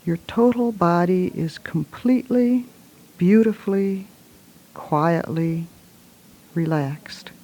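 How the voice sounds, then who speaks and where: A woman leads a guided relaxation in a soft, hushed voice, giving gentle, soothing instructions in short phrases. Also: on the low side, slow, long pauses, low-quality recording.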